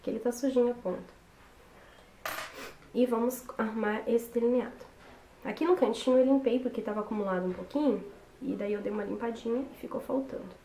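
Hoarse young woman, higher-pitched voice. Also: fairly quick, dark tone. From Brazil. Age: young adult. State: hoarse voice from a cold. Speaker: makeup tutorial host. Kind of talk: casual chat tutorial. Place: small bedroom, indoors. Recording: roomy echo with background noise.

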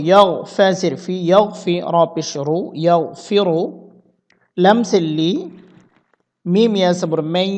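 A man with a Bangladeshi Bengali accent teaching Quran reading, spelling each word letter by letter and then chanting the verses slowly. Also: high voice, darkish tone, lo-fi sound. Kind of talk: spelled-out Quran recitation lesson.

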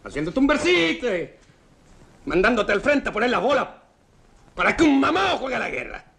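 An actor playing a bitter, disillusioned working-class husband with a Rioplatense Argentine accent, talking with sarcasm and scorn. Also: male voice, very high-pitched, big pitch swings, a little fast, gravelly, fairly bright tone, heavily acted. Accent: Rioplatense Argentine Spanish. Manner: sarcastic, scornful, repeats words. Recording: 1980s film soundtrack, faint hiss.

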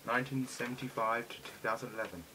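A man's voice: medium pitch, quick pace, distant mic. A British man gives casual, eager commentary while unboxing toys at home. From Britain. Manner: chatty, eager toy-collector enthusiasm. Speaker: toy reviewer. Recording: noisy home recording with clicks.

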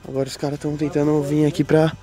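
A young Brazilian man films a night vlog outdoors, sounding nervous and slangy. His voice sits a little high, with music playing clearly behind it. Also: flat delivery, fast talker. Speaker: vlogger exploring at night. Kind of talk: casual night vlog, reacting. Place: outdoors at night at a country house.

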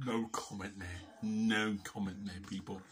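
Recorded close up on a webcam or phone camera in his small, dim living room, a young vlogger from England speaks with a fairly low, unhurried voice that has little pitch movement and a fairly bright tone. He's losing his voice and rambles jokily about himself in the third person.

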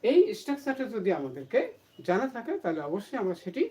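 A woman with a mid-range, slightly mellow voice talks fast, her pitch swinging widely, while giving a grammar lesson to camera. She repeats points with emphasis and answers her own questions, recorded on a distant mic with faint noise behind her.

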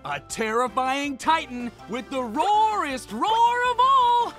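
A high-voiced, showy cartoon dinosaur works as a booming sports announcer. The delivery swoops widely and stretches key words grandly, with loud music playing behind it. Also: expressive, slow pace, full character voice. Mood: showy, excited. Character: excitable small dinosaur games host, showy prize announcer. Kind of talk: cartoon commentary.

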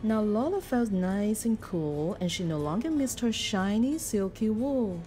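With slight background noise behind her, a woman reads a children's picture book aloud in a mid-range voice. Her storybook delivery is expressive and deliberate.

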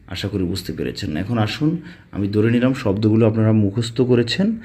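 Man teaching Arabic words, mellow voice. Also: lowish voice, expressive, husky. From Bangladesh. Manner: slow, repetitive word-by-word explaining. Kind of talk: spoken vocabulary lesson.

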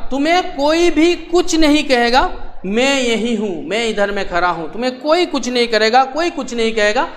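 Storybook prince, read by a male teacher: gentle, reassuring, high light voice. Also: lively intonation, moderate pace, big-room sound, slight background noise. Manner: soft, reassuring, repeats his words. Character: gentle young prince soothing a frightened swan.

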